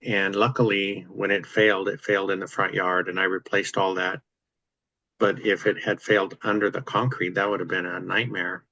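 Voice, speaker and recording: A man with a deep, crisp-toned voice chats on a video call about practical landlord matters. He explains at length in an easygoing, matter-of-fact way, his pitch staying fairly level. The sound is dry and close. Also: flat delivery, moderate pace, sharp tone, dry recording, muffled recording. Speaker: real estate investor host. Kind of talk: casual chat on a video call.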